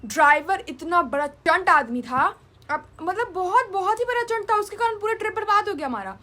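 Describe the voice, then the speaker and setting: A young woman telling a travel story in a casual storytime vlog, chatty and animated, mixing in English words. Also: extremely high pitch, normal speed. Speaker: vlogger.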